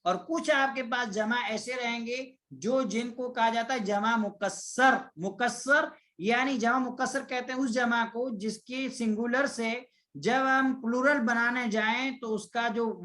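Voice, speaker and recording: A man teaching an online Arabic grammar lesson. He asks questions and answers them himself, and he repeats terms and draws out example words slowly. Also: very high-pitched, a bit bright, roomy sound, low-quality recording.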